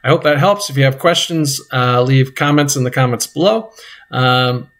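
A man explains web code step by step as he records his screen. His voice sits at a middle pitch. He talks in a halting, unscripted way, stopping often on fillers and restarts. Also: fairly bright tone. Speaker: teacher. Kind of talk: screen-recorded coding lesson.

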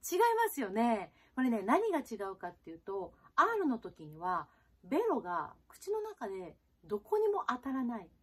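A woman from Japan, a jazz singer and pronunciation teacher, giving a friendly video lesson with lots of fillers and soft asides. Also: a little high, huge pitch swings, slightly rough. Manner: chatty, with frequent fillers and soft tag particles; slow, drawn-out sound demonstrations.

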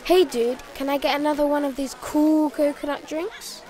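A woman voicing a cocky, excitable boy hero in a cartoon toy play, full of slangy exclamations. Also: high voice, normal speed, slight background noise, lightly acted. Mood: carefree.

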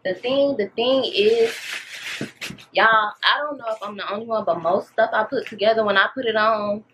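Talking at a moderate pace in a slightly high, fairly bright voice, she's an American woman in her thirties doing a get-ready-with-me vlog from her bedroom. Her chatter is slangy girl-talk aimed at viewers she addresses as y'all, and the recording sounds dull with room noise.

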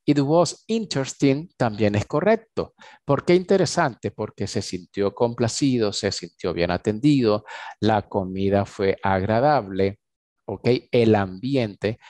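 Slow-paced teacher, dry sound. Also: male voice, fairly low pitch, a little mellow, no echo. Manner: slow, drawn-out model phrases in English. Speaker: English teacher. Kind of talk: recorded online lesson.

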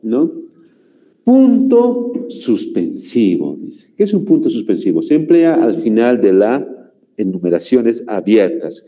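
A man's voice: lowish voice, big pitch swings, slow pace, mellow, low-quality recording. A man with a Bolivian Spanish accent teaching a grammar class, who keeps repeating "muy bien" and "señores" and asks the class rhetorical questions.

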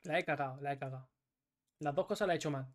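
A man's voice: on the high side, fast. Male streamer, frustrated self-scolding gameplay commentary, heavy swearing. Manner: swears often and scolds himself, in bursts of frustration.

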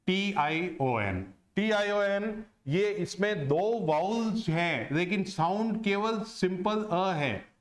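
Slow, high-voiced male English teacher. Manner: slow and deliberate, asking and answering his own questions. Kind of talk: classroom lesson on word stress.

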